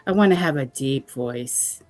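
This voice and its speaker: A woman hosts a casual online chat, asking her guest questions in a friendly, talkative manner. Her voice is expressive, unhurried, a little mellow yet gravelly, and she describes it herself as squeaky.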